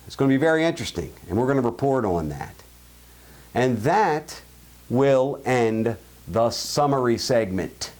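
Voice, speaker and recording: On the low side and slightly mellow, this voice belongs to a show host from Highlandtown in Baltimore, USA, with a Baltimore accent. In his opinion monologue and listener mail, he answers emails and gives blunt, joking takes.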